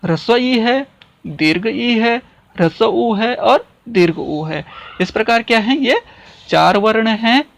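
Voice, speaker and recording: A man's voice: high voice, expressive, takes it slowly, vocal fry, a bit bright, no echo. Man teaching, quizzing himself aloud. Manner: repeats terms, asks and answers his own questions; checks in with "ठीक है" often. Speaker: Hindi grammar teacher. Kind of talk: classroom-style explanation lesson.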